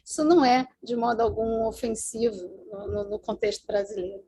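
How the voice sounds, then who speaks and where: A Brazilian woman speaks with a Brazilian Portuguese accent in a fairly high voice as she presents research at an online conference. Her delivery is explanatory and full of fillers and tag questions. A faint hiss of noise sits under the video-call audio. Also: steady tone, fairly quick, dark tone.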